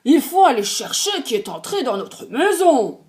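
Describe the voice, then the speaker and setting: A woman voicing a big, grumpy papa bear who talks in a booming, lowered voice. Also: big pitch swings, normal speed, darkish tone. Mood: grumbling.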